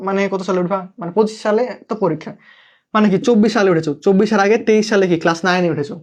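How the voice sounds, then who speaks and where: This English tutor, a young man with a Bangladeshi Bengali accent, runs a live online lesson and keeps pausing to check on students and invite their comments. He talks very fast in a high voice.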